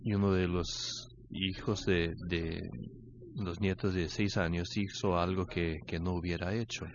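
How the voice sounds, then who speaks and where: An older man preaches a sermon in a very deep voice at an unhurried pace. He often stalls and repeats his words, and he grows louder as he tells a story. The recording sounds dull and lo-fi, with faint noise behind him. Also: steady tone.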